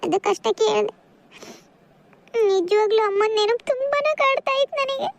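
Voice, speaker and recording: A woman voicing a gentle, grieving young village girl in a cartoon, soft-spoken. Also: very high-pitched, normal speed, vocal fry, heavy background noise. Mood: sad. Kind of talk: cartoon voice acting.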